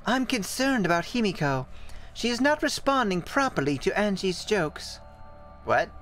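Female let's play co-host and reader; mid pitch, lively, wry, music bed. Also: moderate pace. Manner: wry, laughs often. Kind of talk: casual game commentary and reading game text aloud. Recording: game music behind.

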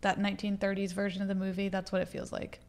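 A woman's voice: medium pitch, quick pace. Playful young woman podcast co-host. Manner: playful, animated storytelling, laughs. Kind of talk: casual chat.

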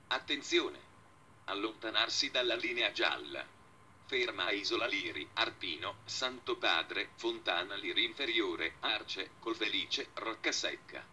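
Flat, formal male station announcer, very bright. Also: on the low side, a little slow, slight background noise. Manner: clipped, segmented, formulaic delivery.

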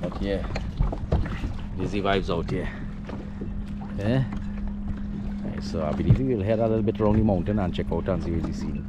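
A man with a Trinidadian accent gives laid-back vlog commentary from a kayak bay, out on the water, recorded on a handheld action camera. His voice is low, at normal speed with frequent pauses, and the clip is very noisy.

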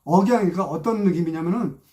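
A man's voice: high voice, rapid-fire, dark tone. A man from South Korea, hosting his channel in a casual, rambling talk, often repeating himself and trailing off. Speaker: channel host.

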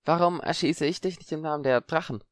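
A man's voice: on the high side, brisk, no echo, clean studio sound, voice pushed up, close to an everyday voice. A man voicing a cheerful, scheming young schoolgirl in an audiobook, bubbly yet suspicious. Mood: lively. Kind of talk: audiobook character voice.

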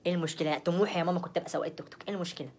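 A woman's voice: lowish voice, steady tone, very fast, darkish tone, husky. A young woman with an Egyptian accent performing a comic phone-call sketch, sounding exasperated and repeating herself over and over. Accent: Egyptian Arabic.

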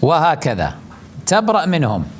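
A male cleric giving a forceful religious lecture, asking rhetorical questions and repeating his points for emphasis. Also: fairly high pitch, huge pitch swings, normal speed, slight background noise. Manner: rhetorical questions, mimics opponents in a raised voice.

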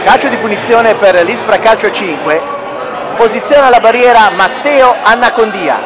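High-pitched excitable male sports commentator. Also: normal speed. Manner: excitable, shouting goal calls. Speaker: match commentator. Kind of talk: futsal play-by-play commentary. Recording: music and crowd noise behind. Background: music, sports hall crowd.

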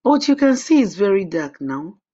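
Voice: sing-song, moderate pace, dark tone, slightly rough, lo-fi sound. Cackling old forest witch, as a narrator puts her on. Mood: coaxing. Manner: cackling, menacing, raised high voice.

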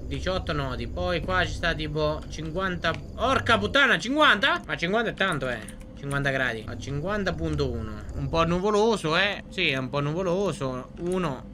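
A young man commentating a horror game, excitable, swearing often and talking to himself. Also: a little high, normal speed, few pauses, noisy background. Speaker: gaming streamer.

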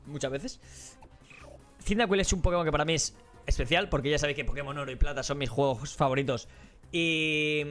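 A young man rattles off let's play commentary at high speed in a slightly high voice. He is excitable and casual, and he swears freely as he plays. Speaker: YouTube gaming host.

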